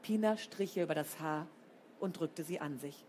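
A woman reading a children's storybook aloud with clear, expressive narration. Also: low voice, moderate pace, a little hiss or hum. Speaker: audiobook reader.

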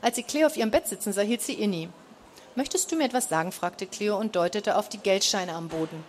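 A woman reads a children's story aloud at an even, middling pitch. She moves between the narration and the characters' lines with small shifts in voice. A faint hiss of noise sits under the recording. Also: fairly quick. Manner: reads dialogue with light voice changes, occasional fillers.

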